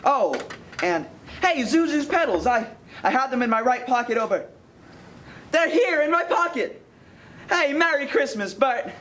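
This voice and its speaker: A man plays a desperate husband on a stage, begging and demanding by turns. His voice sits high and swings widely in pitch, with a faint hiss in the background. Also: expressive, a little slow, a bit bright, full character voice. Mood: relieved. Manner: pleading, frantic. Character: desperate young husband at wit's end. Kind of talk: amateur stage acting.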